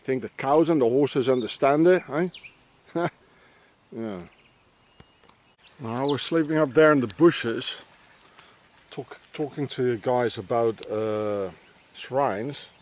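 Taking it slowly with long pauses, a middle-aged man speaks in a mid-range, darkish voice. He's a vlogger walking a path through the countryside, rambling and ranting meanderingly while often adding questions at the end.

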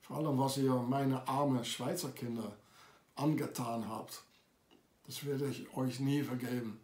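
A man's voice: mid-range voice, fairly even intonation, measured pace, a little mellow, reverberant. A man delivering an accusatory, insistent monologue to camera, with frequent hesitations. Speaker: video maker. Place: lives in France.

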